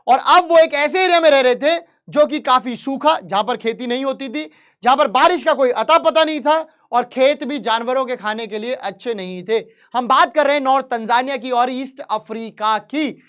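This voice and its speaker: A teacher giving a history lesson in mixed Hindi and English, reading English lines slowly and explaining them quickly with playful asides to the students. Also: sits high, a bit bright. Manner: reads English lines slowly, then explains fast in chatty Hinglish; playful asides and jokes, addresses students directly.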